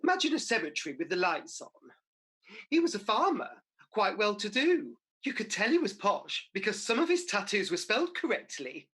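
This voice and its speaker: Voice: mid-range voice, big pitch swings, moderate pace, fairly bright tone. An actor playing a gossipy, hard-up mother as a pantomime dame in a radio play, with chatty comic patter. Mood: cheeky, chatty.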